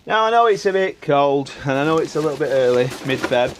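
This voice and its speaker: A man's voice: fairly high pitch, lively intonation, fast, background noise. A man, vlogging casually and chatting in a rambling way while working outdoors on his allotment and in a greenhouse. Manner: chatty and rambling, with filler words. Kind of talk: casual vlog chat.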